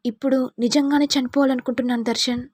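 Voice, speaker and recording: A woman's voice: high voice, steady tone, fast talker, mellow, dry recording, clean studio sound. A woman voicing a scheming, manipulative young woman who pleads and pities herself.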